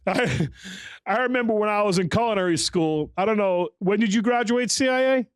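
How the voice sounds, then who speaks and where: Male podcast host with a high voice and a loose, rambling manner, recorded dry and close. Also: a little fast, smooth, dry recording. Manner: rambling storyteller, many fillers. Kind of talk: casual interview chat.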